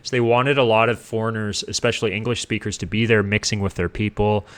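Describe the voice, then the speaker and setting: A middle-aged man from Canada, a guest casually telling his life story in an animated way, acting out what others said. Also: lowish voice, quick pace. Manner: animated, acts out what people said.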